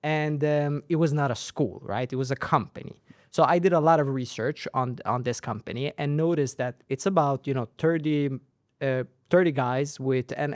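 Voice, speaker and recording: This young adult guest, a company founder whose first language is Persian and who grew up in Sweden, speaks at medium pitch in a laid-back interview. He's animated, leans on tag questions, and hammers points by repeating phrases. Clean, dry studio audio.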